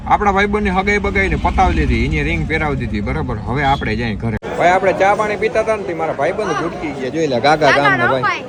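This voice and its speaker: A man, his voice sitting a touch high, cracks jokes and teases his friends while filming a wedding on a handheld phone. He talks over the thick chatter of a wedding crowd outdoors. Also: lively intonation, fast talker. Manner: teasing, joking banter with friends. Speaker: vlogger. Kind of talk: casual handheld wedding vlog. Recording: loud crowd chatter around.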